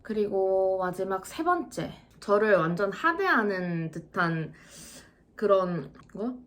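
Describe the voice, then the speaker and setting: A woman in her twenties telling a vlog story about her service job, acting out customers' lines in an animated way. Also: mid-range voice, slow. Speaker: vlogger, service worker. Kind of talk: casual storytelling to camera.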